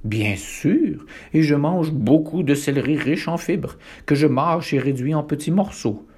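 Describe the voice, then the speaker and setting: Sly wolf-as-granny, read by a man, falsetto, mellow husky tone, storybook read-aloud. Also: measured pace. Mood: crunchy. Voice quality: mumbling, then falsetto granny voice.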